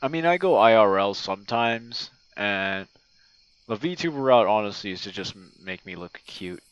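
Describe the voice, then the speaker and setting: A male content creator leaves a friend a casual ASMR-style voice message, rambling and hesitant, against a background of crickets and night insects. His lowish voice is smooth and expressive at a normal speed. The recording has no echo, but the highs are cut off.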